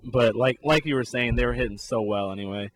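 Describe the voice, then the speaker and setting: A man's voice: mid-range voice, a little fast, no room sound. Dry-sounding male sports talk co-host. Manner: laid-back, recounts plays in detail with laughs. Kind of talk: casual sports talk chat.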